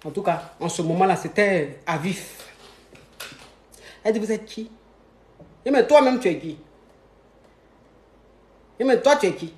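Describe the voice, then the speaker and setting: Animated Ivorian woman telling a story. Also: lowish voice, normal speed, pauses often, slight background noise. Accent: Ivorian French. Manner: animated, acts out the voices of people in her story. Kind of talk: casual spoken storytelling. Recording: roomy echo.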